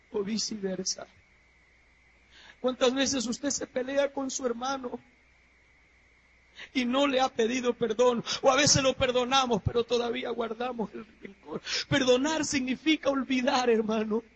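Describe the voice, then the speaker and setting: A man preaching a sermon, swinging between fervent shouting and low, intense speech. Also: muffled recording, slight background noise. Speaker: preacher giving a testimony.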